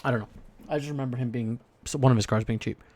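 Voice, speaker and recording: A young man talks in a rambling, excitable way as he co-hosts a casual podcast, trailing off and restarting his thoughts. His voice sits at a middling pitch, and the recording is close and very dry, with no room sound at all. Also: very fast, no echo. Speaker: podcast co-host. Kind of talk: casual chat about football cards.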